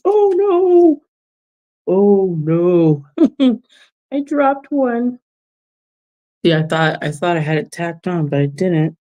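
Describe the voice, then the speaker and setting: A woman talks casually to her viewers while working on a craft. Her delivery is slow and unhurried, with a mellow, darker tone. She muses reflectively, gives gentle advice, and breaks into soft chuckles. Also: deep voice, vocal fry. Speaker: vlogger giving life advice.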